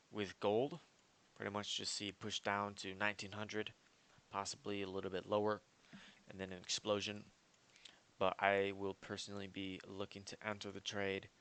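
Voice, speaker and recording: A man's voice: on the low side, pushed and bright, clear, resonant tone. A man walking through his trading chart analysis in a casual, confident and rambling way, with lots of fillers. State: hiccups. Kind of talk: casual screen-share market analysis.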